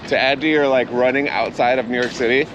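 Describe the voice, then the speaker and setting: A man's voice: mid-range voice, fairly even intonation, quick pace. An American man in casual conversation with a companion while running outdoors on city streets. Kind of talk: casual chat. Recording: clear outdoor traffic noise.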